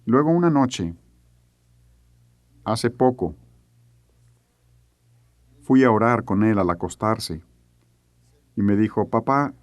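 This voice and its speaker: A man's voice: lowish voice, animated, slow, pauses often, no echo. A middle-aged man teaching a sermon, telling a family story earnestly and acting out the voices he quotes. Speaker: preacher.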